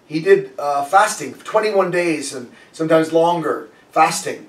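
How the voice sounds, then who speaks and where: A man's voice: fairly high pitch, animated, measured pace. Man preaching in an echoey hall. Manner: loose and storytelling, with frequent restarts. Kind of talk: conversational sermon. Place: church sanctuary. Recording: echoey room, voice a bit far from the mic.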